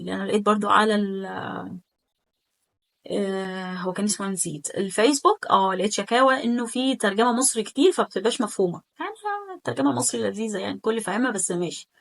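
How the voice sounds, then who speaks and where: A woman with an Egyptian Arabic accent teaching German in a chatty online lesson, slowly repeating phrases for practice. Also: medium pitch, a bit bright.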